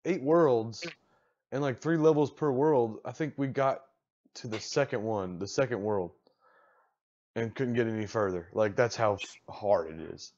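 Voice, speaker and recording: A middle-aged man co-hosting a casual podcast chat, blunt and animated, swearing casually. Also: medium pitch, a little slow, lo-fi sound. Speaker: podcast co-host.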